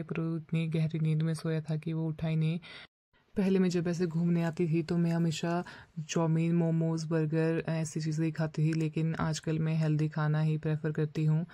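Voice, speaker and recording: A young woman narrating her daily vlog as a voice-over, telling it in a relaxed way with frequent "uh" fillers. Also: sits low, no echo. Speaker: vlogger.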